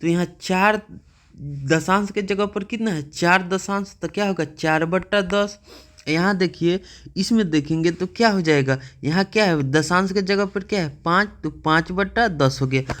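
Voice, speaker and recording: Patient male math teacher. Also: high voice. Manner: patient, repetitive questioning, frequent "okay" checks. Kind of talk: classroom math lesson.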